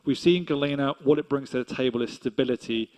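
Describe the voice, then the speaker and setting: A man's voice: medium pitch, fast, a little mellow, poor audio. A man casting an esports match, analytical and chatty, laughing easily with his co-caster. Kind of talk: esports commentary.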